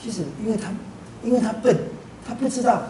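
A man's voice: very high voice, brisk. Teacher in his fifties, chatty storytelling, recorded from a distance with background noise. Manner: conversational storytelling with frequent filler syllables. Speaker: Buddhist teacher. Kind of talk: Buddhist teaching talk. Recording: roomy, distant, noisy lecture recording.

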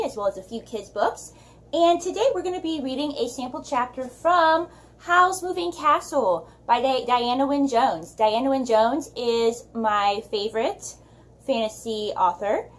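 A woman who writes fantasy reads a book aloud, with a friendly, expressive manner and casual asides to her listeners. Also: a little high. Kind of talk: book reading with chatty intro.

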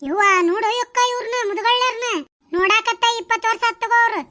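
Woman voicing shrill, sharp-tongued village gossips for a cartoon, North Karnataka Kannada accent, dry recording. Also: no room sound. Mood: bickering. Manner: quick scolding village banter, exclamatory. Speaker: voice of a cartoon series.

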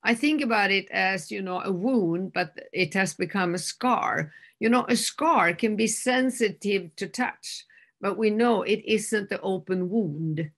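A woman addiction specialist giving a calm, conversational lecture, often slipping into quoted voices and using many "you know" fillers. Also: medium pitch, unhurried. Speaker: addiction specialist presenting to a group.

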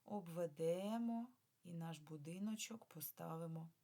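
A woman teacher giving a remote lesson to first graders, drawing out sounds slowly and patiently asking the children questions. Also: lowish voice, warm tone. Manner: slow, clear, drawn-out sounds for children. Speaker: primary school teacher.

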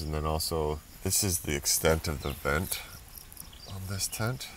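A man talking casually to the camera from inside a tent on a beach, relaxed and chatty with the odd hesitation. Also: rumbling low, slight background noise. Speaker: travel vlogger.

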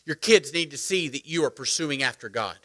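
A middle-aged man, preaching a sermon as pastor, animated and joking as he calls on the congregation. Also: a little high, fairly quick. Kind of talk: sermon with storytelling. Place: church sanctuary.

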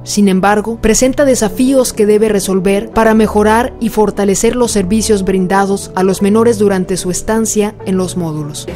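A woman reading a documentary's scripted narration in an even, formal manner, with facts and figures. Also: medium pitch, moderate pace, few pauses. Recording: voice-over with faint music behind.

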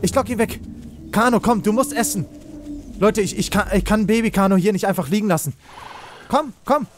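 Ein Mann, der aufgeregt ein Spiel kommentiert, in Panik ruft und fleht und viel Jugendslang benutzt. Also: male voice, high voice, a little fast, a little hiss or hum. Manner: excitable, shouts and pleads in panic, youth slang. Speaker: let's play host. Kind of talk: excited gaming commentary.

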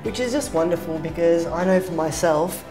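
A woman's voice: fairly low pitch, normal speed. A woman in her thirties hosting a promotional interview, effusive and full of praise, seated in a bare room. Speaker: interviewer and host. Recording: echoey room with music under it.

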